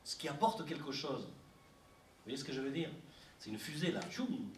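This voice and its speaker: A man giving a university lecture on translation, animated, with frequent fillers and restarts. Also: a little high, moderate pace, a little hiss or hum. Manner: animated, repeats himself, many fillers. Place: university library lecture room. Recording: echoey room, mic from far off.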